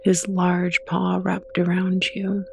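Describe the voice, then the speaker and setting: A gentle, soft-spoken meditation guide reads a soothing script slowly, with unhurried pauses and a creaky edge. The voice is medium-pitched and monotone. There's a little hiss or hum in the background.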